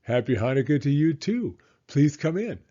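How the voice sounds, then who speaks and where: A man's voice: big pitch swings, moderate pace, dark tone. Man doing a chirpy fussing old granny. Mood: fussing cheerful. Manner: chirpy, high, fussing and motherly. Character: cheerful, kindly old woman, fussing host. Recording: dull lo-fi recording.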